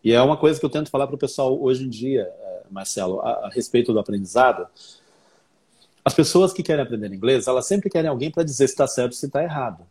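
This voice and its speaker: Husky man telling lively stories. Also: medium pitch, fast talker. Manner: animated storyteller, acts out his own past thoughts. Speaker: English teacher, interview guest. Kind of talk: casual interview chat.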